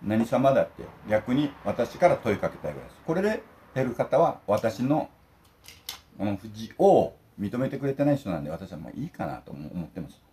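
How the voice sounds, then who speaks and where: A man's voice: fairly low pitch, very animated, a little fast, dark tone, a little hiss or hum. An older man ranting indignantly and emphatically to his viewers while eating lunch at home. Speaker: vlogger.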